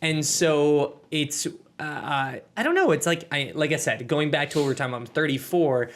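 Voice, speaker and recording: A man in his thirties co-hosting a podcast, telling stories in an animated way, swearing freely and mimicking people. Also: a little high, moderate pace, a little hiss or hum. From United States. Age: 30s. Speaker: podcast co-host. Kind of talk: casual chat.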